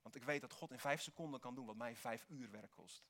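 A man preaching a sermon in Dutch, earnest, with bursts of lively emphasis. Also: mid-range voice, a little fast. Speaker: pastor.

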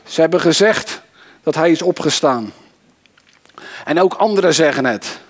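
A man's voice: fairly high pitch, animated, moderate pace. A man voicing a disciple who tells his own story in first person, in a dramatic monologue within a sermon. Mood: earnest. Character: grieving male disciple on the road, adult.

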